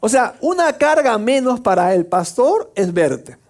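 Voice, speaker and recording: A middle-aged man preaching a sermon, full of rhetorical questions and emphatic pauses. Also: extremely high pitch, very animated. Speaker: pastor.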